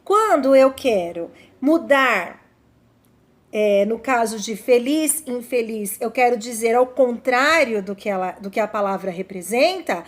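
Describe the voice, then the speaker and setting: A Brazilian woman teaching a Portuguese lesson to young children, with a slow, emphatic manner and frequent checks like "né?". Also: on the high side, animated. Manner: warm, slow, emphatic, often asks "né?" and "tá?". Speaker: primary school teacher.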